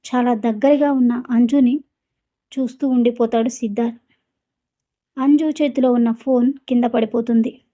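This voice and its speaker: Sex: female. Role: storyteller. Style: scripted story narration. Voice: fairly high, mellow. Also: normal speed, pauses often. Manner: steady, even storytelling.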